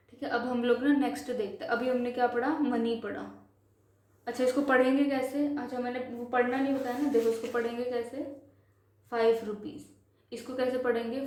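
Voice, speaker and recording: A woman teaching a basic math lesson, patient and repetitive, slowing down to spell out numbers one by one. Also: fairly high pitch, darkish tone. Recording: echoey room.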